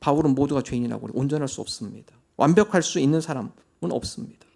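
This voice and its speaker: A man pastor preaching a sermon in a church, earnest and slowing into drawn-out prayers and readings. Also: medium pitch, vocal fry, darkish tone. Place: church sanctuary.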